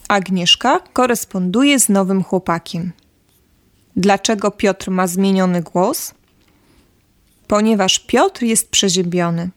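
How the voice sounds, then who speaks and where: Slow, careful female lesson reader, dry recording. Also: mid-range voice, dry recording. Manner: careful, clearly enunciated teaching delivery. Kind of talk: scripted lesson dialogue and vocabulary drill.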